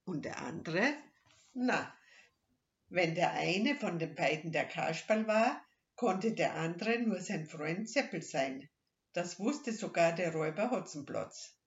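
A woman reading a children's story aloud with dramatic, lively delivery. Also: on the low side, slow. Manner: lively, dramatic rises in tension. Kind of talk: expressive audiobook reading. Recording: dull lo-fi sound.

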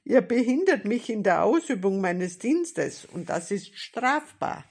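A woman's voice: low-pitched, a little slow, vocal fry, dark tone, husky, full character voice. A woman voicing a pompous, officious male village policeman in a storybook reading, scolding and fussy.

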